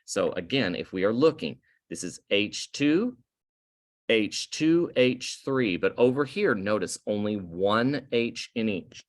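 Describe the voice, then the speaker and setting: With a fairly low pitch and lively intonation, a male chemistry teacher explains slowly in a recorded slide lecture, emphasizing key terms and self-correcting as he goes.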